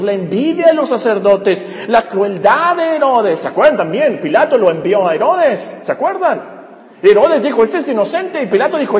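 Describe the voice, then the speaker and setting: A man preaching a sermon to a congregation, animated and often asking them questions. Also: very high-pitched. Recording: echoey hall with long reverb.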